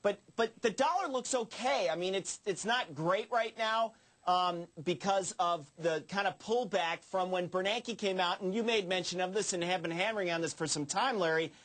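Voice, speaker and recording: High-pitched male market analyst. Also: normal speed, a bit bright. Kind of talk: cable business news discussion.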